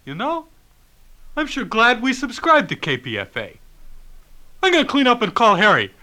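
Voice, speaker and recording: An actor playing an indignant, easily flustered husband in a radio comedy sketch, sputtering and stammering. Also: male voice, extremely high pitch, huge pitch swings, normal speed, background noise, full character voice.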